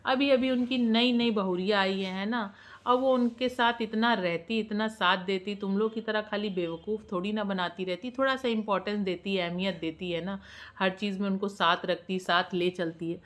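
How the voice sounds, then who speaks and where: A woman's voice: mid-range voice, fairly even intonation, normal speed. A woman, running a teasing, sarcastic gossip commentary as a reaction vlogger.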